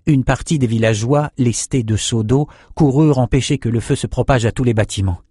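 A man narrating a fantasy audiobook with even, measured storytelling. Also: medium pitch, slightly rough, no echo, studio quality.

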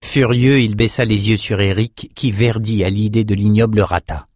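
A man narrating a fantasy audiobook in a measured, even storytelling manner. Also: fairly low pitch, dry recording, clean studio sound.

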